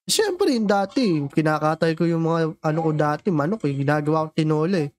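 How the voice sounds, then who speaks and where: A man with a Filipino accent doing playful Minecraft roleplay banter, swinging between high excited shouts and low mutters. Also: brisk, dry recording.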